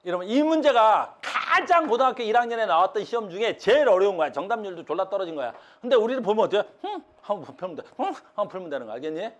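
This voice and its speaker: A man teaching high school science in a classroom, talking casually with blunt slang and poking fun at himself in front of the students. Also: animated, rapid-fire, hardly any pauses, a bit bright. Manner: blunt, slangy, self-mocking banter with students.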